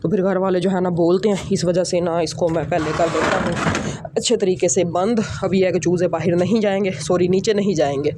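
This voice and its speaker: Heavy background noise surrounds a man whose voice sits high, steady and a little fast. He's a bird breeder vlogger from Pakistan with a Pakistani Urdu accent, out of breath after climbing to his outdoor rooftop setup, chatting casually to a camera held in one hand, repeating fillers and handling his birds.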